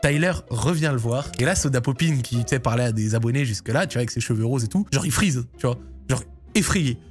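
A man's voice: medium pitch, animated, fast, soft background music. A young man casually telling a strange story to his viewers, rambling and full of slang and fillers. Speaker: YouTube storyteller.

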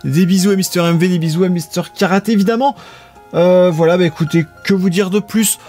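A man hosts a live stream in an easygoing, rambling way, talking straight to his viewers. His voice sits a little high for a man. Faint music plays quietly behind him. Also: steady tone, fairly quick. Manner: laid-back, rambling, chatting with viewers. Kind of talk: casual live-stream chat.

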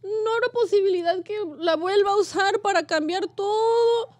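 A woman's voice: extremely high pitch, normal speed, a little mellow, dry recording. A woman acting in a comedy sketch, telling her story in a pleading, distressed way. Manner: tearful pleading confession. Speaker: radio show co-host.

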